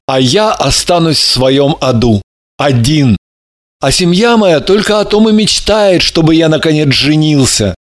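Отчаявшийся молодой мужчина, над которым висит проклятие, его читает мужчина-чтец. Говорит умоляюще и надрывно, голос высокий, интонации резко скачут. Звучит неторопливо, как в аудиокниге. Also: male voice, a little high. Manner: pleading, despairing. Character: anguished young man cursed in love. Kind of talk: audiobook character reading.

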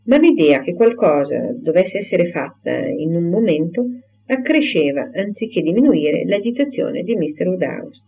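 A man narrating a classic novel as an audiobook reader, reading in a measured, even way. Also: high-pitched, gravelly. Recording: tinny phone-like audio.

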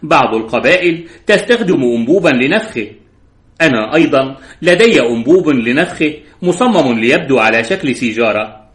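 A man voicing a composed detective who speaks calmly and courteously, in a measured way. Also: medium pitch, natural voice. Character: calm, composed elderly male detective. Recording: roomy echo.

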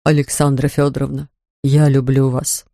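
A man reading an audiobook, voicing an amorous, indulgent young man in a lowered, murmuring voice, in a dry studio. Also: flat delivery, moderate pace, gravelly, warm tone, dry recording, natural voice.

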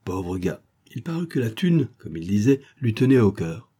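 A man narrating an audiobook in a steady, measured storytelling manner. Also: on the low side, slightly rough. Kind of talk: scripted narration.

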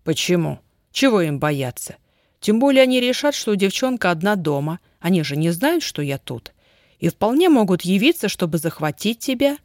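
A woman's voice: fairly low pitch, big pitch swings, moderate pace, dry recording, studio quality. Woman doing a grumbling sceptical teen boy. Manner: grumbling, mocking. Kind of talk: audiobook character reading.

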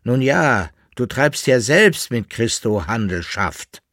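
A man's voice: very animated, slow, no room sound, studio quality, heavily acted. A brash, cheeky male servant, voiced by a man. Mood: mocking. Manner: shrill, loud and cheeky. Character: coarse, impudent, scolding male servant.

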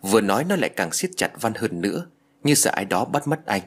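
A man narrating a ghost story with a dramatic, expressive reading. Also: fairly low pitch, brisk.

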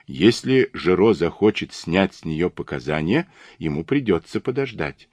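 A shrewd old detective who speaks in a soft, measured, knowing voice, read by a man. The voice sits very low, yet the tone moves lively up and down. The sound is dry and close, with no room around it. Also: no echo. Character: shrewd, gentle older male Belgian detective.

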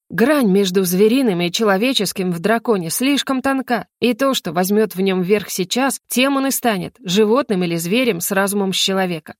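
A woman reading a fantasy novel aloud in first person, in an even, measured way. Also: mid-range voice, no room sound, clean studio sound. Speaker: audiobook narrator. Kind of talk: scripted narration.

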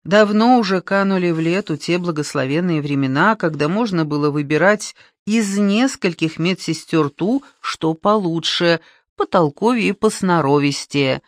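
With expressive storytelling, a mid-range voice reads a novel aloud at a moderate pace as scripted audiobook narration. There is no echo, and the studio recording is clean.

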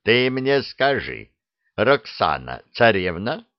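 A man's voice: lowish voice, big pitch swings, slow pace, no room sound, full character voice. A man voicing a huffy, wise old male dragon who grumbles and lectures, in a dull, dry recording. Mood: lecturing.

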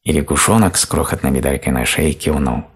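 A man narrates a gentle fairy tale in a very low, deep voice. His tone is husky and breathy rather than clear. He reads slowly and calmly, like a bedtime story. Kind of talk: calm storybook reading.

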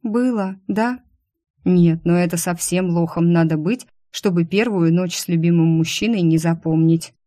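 A woman's voice: lowish voice, normal speed, dark tone, no echo, studio quality, natural voice. A woman reading an audiobook, voicing a flustered young female employee who pleads and protests. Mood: pleading.

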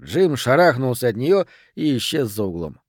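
A man narrating an audiobook in a steady, even reading voice. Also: mid-range voice, normal speed, dry recording, studio quality. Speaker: audiobook reader. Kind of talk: scripted narration.

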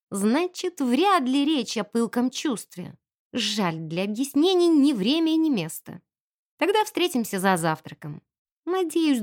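Expressive woman audiobook narrator. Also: on the high side. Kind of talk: first-person audiobook narration.

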